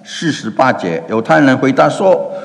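A man preaching a sermon and explaining scripture, reading verses slowly and dramatically. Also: mid-range voice, very animated, gravelly. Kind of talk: sermon with Bible exposition. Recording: long hall reverb.

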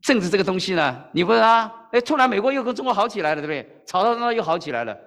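A high-pitched man preaches at a rapid-fire pace, his words carrying a long reverb tail. He's a pastor in Mandarin-speaking church style whose sermon tells a story, with animated acted-out dialogue and frequent "OK?" to the audience.

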